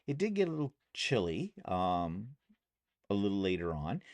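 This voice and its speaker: A retired man in his sixties talks on his vlog in an easygoing, rambling way, full of ums and uhs, with a Canadian accent. His voice sits low but moves up and down a lot. The sound is dry and close, with no room echo. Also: big pitch swings, normal speed, darkish tone. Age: 60s. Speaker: vlogger. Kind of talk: casual vlog talk.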